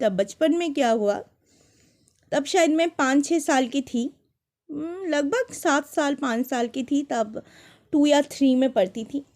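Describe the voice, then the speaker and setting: Young woman, casual storytelling to viewers, animated, restarts sentences, warm tone. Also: fairly high pitch. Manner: animated, dramatic retelling with many restarts.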